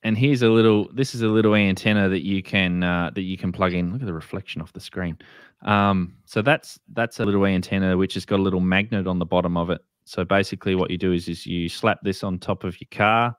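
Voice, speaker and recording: He speaks briskly in a low, steady voice that is clear and resonant, captured dry in a studio. The man, who has an Australian or New Zealand accent, co-hosts a radio hobby show and gives newcomers an informal walkthrough of products.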